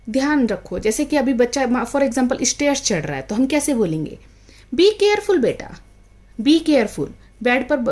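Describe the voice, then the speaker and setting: A woman's voice: a little high, a little mellow. A woman in her thirties gives a casual home lesson to parents. She mixes Hindi with English phrases, calls viewers friends and acts out a mother calling her child.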